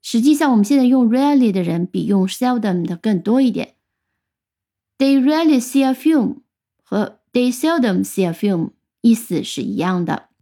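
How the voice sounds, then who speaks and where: Warm-toned female teacher, patient, spells words out letter by letter. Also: mid-range voice, animated, normal speed. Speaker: English teacher. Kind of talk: vocabulary lesson.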